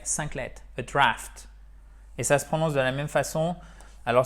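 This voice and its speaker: Male English teacher, animated, bilingual, drills pronunciation by repetition. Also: medium pitch. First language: French. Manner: lively, switches between French and English, repeats words for pronunciation. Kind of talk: online English lesson.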